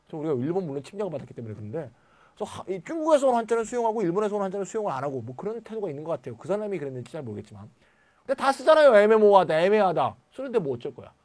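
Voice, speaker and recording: Lively, blunt male grammar lecturer. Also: sits high, rapid-fire. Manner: lively, chatty and blunt, with asides and mild swearing.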